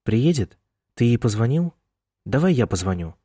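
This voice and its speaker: A man's voice: medium pitch, sing-song, normal speed, dark tone, breathy edge, no echo, studio quality, voice pushed up. A male narrator voicing a worried middle-aged mother who keeps fussing over her son in an audiobook. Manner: anxious, insistent and fussing.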